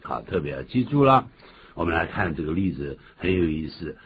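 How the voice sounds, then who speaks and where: 低沉而抑扬顿挫的男英语老师. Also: male voice, fairly quick, slightly rough, lo-fi sound. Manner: animated, jumps to high emphatic pitch on key words. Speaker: English teacher, host. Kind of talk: radio English lesson.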